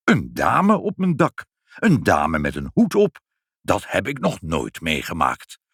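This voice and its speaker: Man doing a slow, kindly old Saint Nicholas. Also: deep voice, huge pitch swings, creaky, fairly bright tone, husky, no echo, studio quality, full character voice. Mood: musing. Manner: slow, deliberate, musing.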